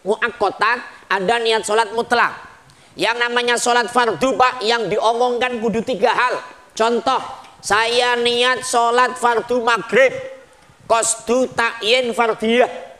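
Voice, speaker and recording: Bright high-voiced male preacher. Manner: lively, mixing regional phrases and acted prayers. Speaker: Islamic preacher. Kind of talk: sermon.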